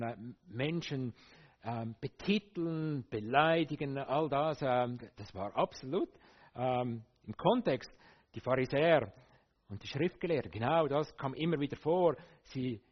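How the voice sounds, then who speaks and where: A man preaching a sermon in a conversational, animated way, with many fillers, speaking directly to his listeners. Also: mid-range voice, measured pace, husky, dull audio.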